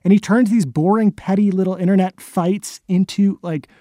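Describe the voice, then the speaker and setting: A man's voice: sits high, moderate pace, mellow, no echo, studio quality. A man who works as a podcast producer, telling a story with enthusiasm in casual chat.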